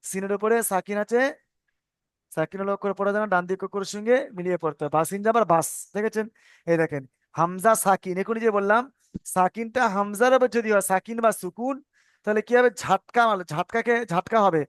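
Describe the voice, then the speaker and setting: A male tajweed teacher walks students through the letters, saying each sound again and again and checking that they follow. His voice is high and smooth. It sits close and dry on the mic. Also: fairly quick, a bit bright, dry recording. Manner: patient, repeats sounds and asks if understood. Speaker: Quran reading teacher. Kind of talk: online tajweed lesson.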